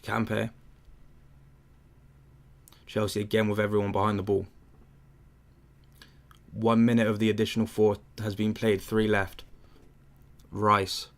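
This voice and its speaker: In a lowish, level voice with vocal fry, a young Englishman hosts a football watchalong unhurriedly, leaving long pauses. He's chatty and rambling with fillers, commentating casually and answering questions from viewers.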